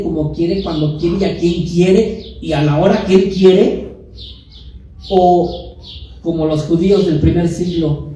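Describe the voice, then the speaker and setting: Preacher in a church, dark mellow voice, big echo, mic kinda far off. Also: mid-range voice, slight background noise. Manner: emphatic, repeats key phrases, rhetorical questions to the congregation. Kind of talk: sermon. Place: church sanctuary. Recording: echoey church hall, mic at a distance.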